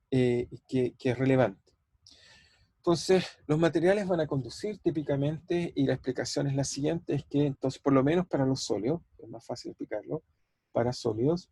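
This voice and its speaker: A man's voice: on the high side, dark tone, husky, no room sound. A man teaching a university physics class over a video call, thinking aloud, repeating words and putting questions to his students. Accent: Chilean Spanish. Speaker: physics professor. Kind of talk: online university lecture.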